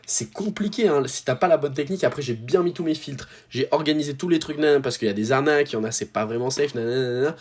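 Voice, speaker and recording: A man's voice: medium pitch, quick pace, hardly any pauses, a little mellow. A young man from France telling a rambling, slangy story to his viewers, with lots of fillers and restarts. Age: young adult. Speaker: tennis YouTuber.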